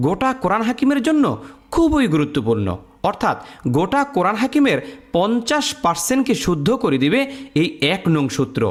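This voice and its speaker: A man teaching Quran recitation rules step by step, drilling letter sounds in a sing-song, teacherly way. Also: high-pitched. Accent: Bangladeshi Bengali. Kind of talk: step-by-step lesson.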